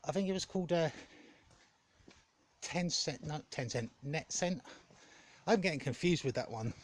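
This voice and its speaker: A man giving a casual, rambling vlog update in a hesitant, halting way, often correcting himself. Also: a little high, lively intonation. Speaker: gaming content creator.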